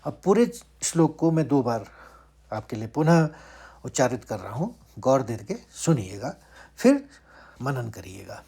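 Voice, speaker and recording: A man teaching Sanskrit verse recitation, chanting each line slowly and higher before explaining it word by word. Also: big pitch swings, gravelly, mellow, slightly rough. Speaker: Gita teacher. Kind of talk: slow Sanskrit recitation lesson.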